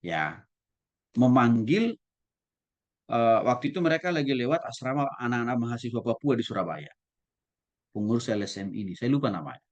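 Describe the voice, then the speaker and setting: Animated male pastor teaching a sermon. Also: mid-range voice, moderate pace, pauses often, muffled recording. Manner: lively, asks listeners questions, acts out examples.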